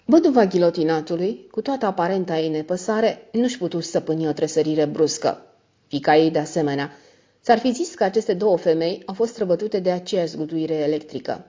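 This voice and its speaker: A woman with a low voice reads a classic novel aloud in measured, dramatic narration. The audio is dull and lo-fi, missing its top end. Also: animated, dark tone. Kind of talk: scripted narration.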